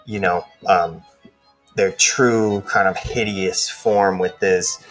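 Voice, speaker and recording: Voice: sits low, steady tone, slow, fairly bright tone, faint music behind. A game master narrating a tabletop game in a rambling way, full of fillers and hedges.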